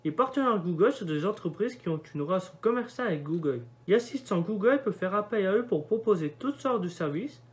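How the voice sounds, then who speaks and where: A man's voice: high voice, expressive, a little fast, few pauses. A young man walks through a device setup in a casual commentary. He reads each prompt aloud and mutters offhand remarks between them. The recording sounds like it was made on a phone mic. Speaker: vlogger doing a device setup.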